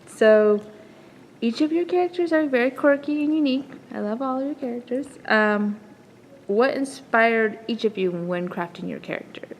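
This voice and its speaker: A woman interviewing a podcast cast, eager and quick to agree as she asks her questions. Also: on the high side, lively intonation, slight background noise, poor audio. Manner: eager, affirming with frequent yeahs. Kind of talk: casual interview.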